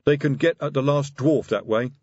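A man voicing a big, slow, patient male troll sergeant in an audiobook, with a plodding delivery. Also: mid-range voice, a little mellow, no echo, highs cut off, pitched above the performer's own voice, lightly acted.

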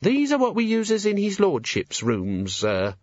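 A man's voice: huge pitch swings, a little slow, no room sound, highs cut off, heavily acted. A man reading aloud and voicing a nervous young maid who stammers and speaks humbly. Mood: timid. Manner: stammering, deferential, lower-class speech.

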